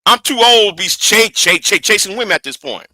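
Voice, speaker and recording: A man in his forties runs a heated livestream, speaking in a high, piercing, bright voice. He stammers, doubles back and repeats words as he pushes his point. The sound is close and dry, with no room around it. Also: animated, a little fast, dry recording. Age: 40s. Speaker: livestream host.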